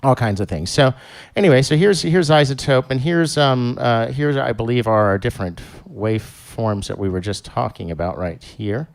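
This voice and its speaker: A man's voice: mid-range voice, normal speed, vocal fry, hardly any pauses. A man hosting a live-streamed show, chatting casually and rambling, with lots of fillers and restarts. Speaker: show host.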